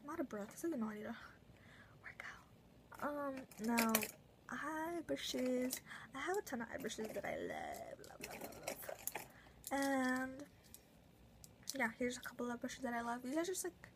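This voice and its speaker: A woman's voice: high voice, big pitch swings, unhurried, pauses often. Young woman chatting through her makeup brushes, lots of ums and restarts, a bit of hiss. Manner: chatty, rambling with many fillers and self-corrections. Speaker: beauty vlogger. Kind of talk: casual makeup brush review.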